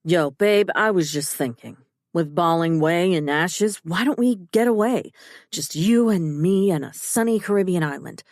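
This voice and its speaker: Woman doing a chill husband guy, kinda low, gets rattled fast, dry close sound. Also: darkish tone, no echo. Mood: breezy. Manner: casual, then rattled and disbelieving. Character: breezy grown man, a restaurant-owner husband.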